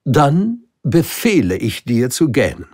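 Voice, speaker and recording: A man voicing a pompous old king in a storybook, giving loud commands. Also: medium pitch, huge pitch swings, takes it slowly, no room sound, studio quality, pitched above the performer's own voice, heavily acted. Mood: commanding. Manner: commanding, declaiming orders. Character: pompous old king, bossy but kindly.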